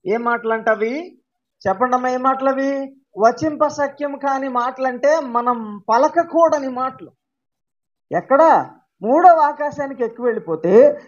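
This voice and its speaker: High-voiced Telugu pastor preaching emphatically. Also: male voice, dull audio. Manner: questions the congregation, rising to emphatic bursts. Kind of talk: sermon.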